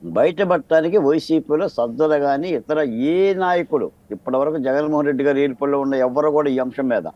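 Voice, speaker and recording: A man's voice: fairly high pitch, normal speed, darkish tone, no room sound, muffled recording. Argumentative male political analyst, dry sound. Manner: argumentative, fires rhetorical questions. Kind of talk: televised political debate. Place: TV studio debate set.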